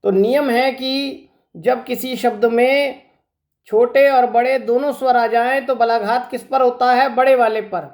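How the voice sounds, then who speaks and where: A man's voice: very high voice, fairly even intonation, measured pace. A male teacher leads an exam-prep grammar lesson. He works through each answer one step at a time, asking rhetorical questions and then answering them himself. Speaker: Hindi teacher.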